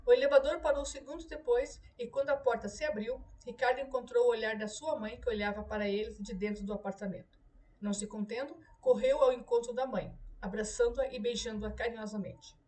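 A woman narrating an audiobook in a steady, even reading voice, recorded from a distance. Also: fairly high pitch, a little fast.

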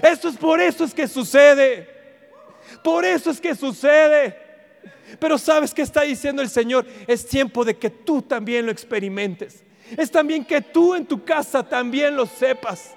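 A man preaching a fervent sermon at a conference, repeating phrases and bursting into shouts. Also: very high voice, a little slow, creaky. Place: large hall at a conference. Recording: reverberant hall with background music.

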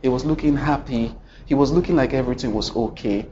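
A man preaching a sermon, dramatic, swinging between loud and hushed and asking the congregation questions. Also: medium pitch, brisk, slight background noise. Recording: muffled recording with faint ambience.

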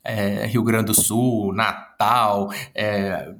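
This psychologist and speaker, a guest from Minas Gerais with that region's Brazilian Portuguese accent, answers an interviewer in an earnest, lecturing manner, reeling off long word lists. His steady, fairly bright voice is on the low side and extremely slow. There's slight background noise.

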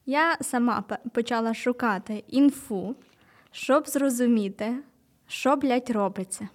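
A young woman with a high voice chats bluntly on a casual podcast. She is sarcastic and swears freely. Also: a little slow. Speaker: podcast co-host.

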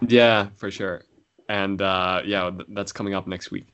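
A man's voice: low-pitched, steady tone, a little slow, a bit bright, clear, resonant tone. A man hosting a podcast, easygoing and a little hesitant, with many fillers and restarts. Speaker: podcast host. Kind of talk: casual chat.

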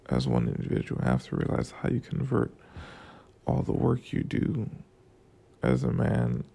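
Medium in pitch with vocal fry, a mellow quality, and slight roughness, this young Florida man speaks in a groggy morning voice. The vlogger rambles loosely and profanely about work and money, wandering from stories to life lessons.

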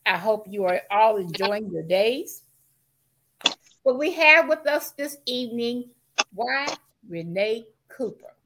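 A woman's voice: fairly high pitch, a bit bright, slight background noise, poor audio. A woman hosting a podcast, introducing and questioning a guest in a conversational interview style. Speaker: podcast host.

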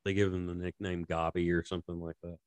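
A man's voice: low voice, flat delivery, fast talker, clear, resonant tone, no room sound. A man co-hosting a casual sports podcast, rambling and laughing often as he talks. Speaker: podcast co-host.

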